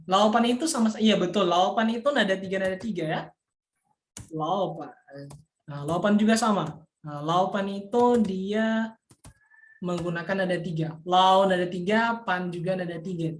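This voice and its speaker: A woman teaching a Mandarin tone lesson over an online class, patiently repeating examples slowly. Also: mid-range voice, roomy sound.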